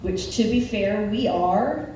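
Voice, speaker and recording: In a live comedy club, a stand-up comedian from Nebraska, in her forties, tells wry, self-deprecating stories at an unhurried pace. Her voice is mellow and expressive, with a Midwestern accent and roaming pitch. The mic is distant, the room very echoey and noisy.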